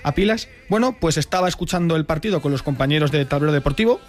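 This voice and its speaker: A man's voice: on the high side, expressive, fast talker, soft background music. A man presenting a radio segment in a studio, enthusiastic and jokey, often adding tag questions. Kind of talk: chatty radio talk segment. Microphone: studio microphone.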